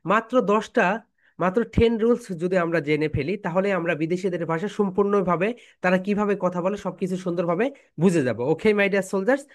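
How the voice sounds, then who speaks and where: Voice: medium pitch, brisk. English teacher, mixes in english, keeps calling the class "soldiers" and makes them repeat stuff. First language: Bengali. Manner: keeps addressing students as "my dear soldiers", repeats phrases for drilling. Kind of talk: spoken lesson with call-and-response drills.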